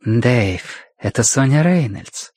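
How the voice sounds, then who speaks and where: A man's voice: medium pitch, animated, slow pace, darkish tone, no echo, clean studio sound. A man reading an audiobook voices a flirtatious woman gallery owner who purrs and teases. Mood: purring, teasing. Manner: purring, teasing, playful.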